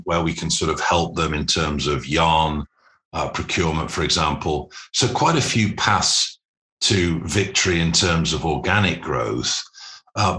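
A man with a rumbling low, sharp-toned voice appears as an executive guest in a business interview, explaining things in measured, articulate corporate phrasing.

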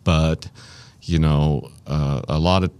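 Man, low-pitched voice, Arkansas Southern accent, middle-aged, folksy, halting, casual interview reminiscing. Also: steady tone, a little mellow, clear, resonant tone. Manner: folksy, plain-spoken, halting.

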